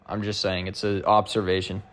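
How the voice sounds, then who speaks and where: A man's voice: lowish voice, little pitch movement, normal speed, fairly bright tone. A young man chatting casually as a running vlogger, rambling with lots of filler words and slang. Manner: rambling, full of "like" and "bro".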